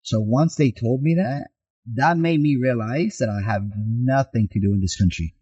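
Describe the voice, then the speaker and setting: Speaking at normal speed in a mid-range, slightly rough voice, a Mexican soccer coach shares his life story as a podcast guest, with the recording's highs cut off. His retelling is animated, and he acts out the quoted dialogue.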